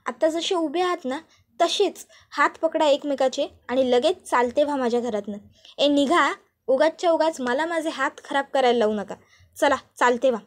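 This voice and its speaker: A woman's voice: high-pitched, normal speed, close to an everyday voice. A woman voicing an arrogant, scheming young wife who taunts and orders the family around. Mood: gloating, bossy. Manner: taunting, commanding, shouting insults.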